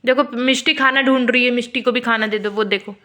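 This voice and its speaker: Bright-voiced mother coaching her child. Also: on the high side, steady tone, fairly quick, a little hiss or hum. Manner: gently directing a small child. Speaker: family vlogger and mother. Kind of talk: casual home vlog talk. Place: home indoors.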